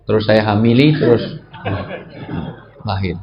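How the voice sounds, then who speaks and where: A man, often jumping to high exclamations. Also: fairly even intonation, unhurried, crowd noise. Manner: joking, swings to high exclamations. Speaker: Islamic preacher. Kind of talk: humorous sermon to a live audience. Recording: slightly dull lo-fi sound with faint ambience.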